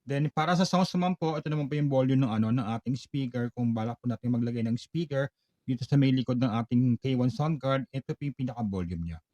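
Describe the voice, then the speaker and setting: A man giving a product walkthrough tutorial, polite and explanatory, pausing now and then on fillers. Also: mid-range voice, mellow, no room sound. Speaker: product demonstrator.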